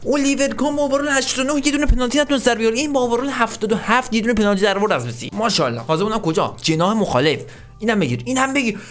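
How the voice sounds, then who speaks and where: A man's voice: very high voice, animated, a bit bright, faint music behind. A man commentating a football video game, teasing and urging the players on screen. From Iran. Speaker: gaming YouTuber.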